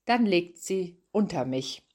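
A woman's voice: on the low side, expressive, slow pace, a little mellow. A woman voicing a small, timid Christmas tree thinking its wondering thoughts in a storybook reading.

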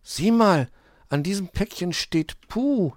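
A man voicing a kind, gentle male rabbit in a storybook, speaking with soft doubt. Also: high-pitched, animated, takes it slowly, no room sound, studio quality, voice pushed up. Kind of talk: storybook read-aloud.

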